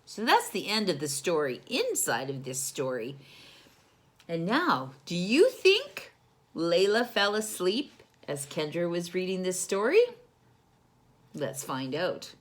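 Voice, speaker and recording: With a lowish voice and huge leaps in pitch, a woman reads a story for children in the style of a teacher. She breaks off periodically to pose questions to the kids and explain what's happening.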